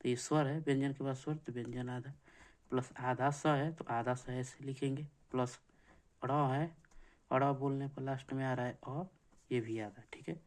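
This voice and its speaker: A man teaching an exam-prep grammar lesson, slow and repetitive, counting things out and asking checking questions. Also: mid-range voice, steady tone.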